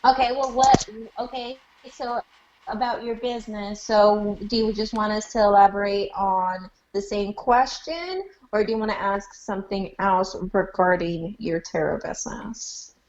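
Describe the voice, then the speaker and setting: A woman's voice: mid-range voice, unhurried, a crowd in the background. A woman co-hosting a live tarot stream, chatting casually over a video call from a tablet. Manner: easygoing, giggly, rambling. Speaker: tarot reader co-host. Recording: dull lo-fi video call audio with faint noise.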